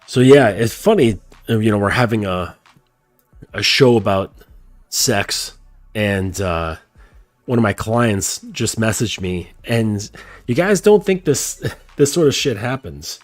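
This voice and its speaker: Congested from a cold, a podcast host talks nasally in a rambling, casual chat full of fillers and restarts. His lowish voice is expressive and slow, recorded dry with soft music in the background.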